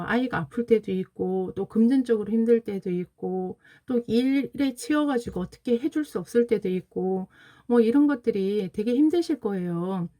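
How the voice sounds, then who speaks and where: A woman's voice: on the high side, mellow. A woman in her forties hosting a casual livestream, telling an emotional personal story in an earnest way and greeting viewers as they join. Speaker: livestream host.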